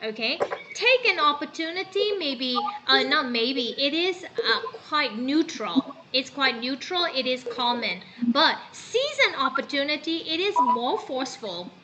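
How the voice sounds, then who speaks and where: Lively high-voiced woman teacher. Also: unhurried, a little hiss or hum, low-quality recording. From Myanmar. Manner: animated, asks students questions, switches into Burmese. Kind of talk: classroom lesson.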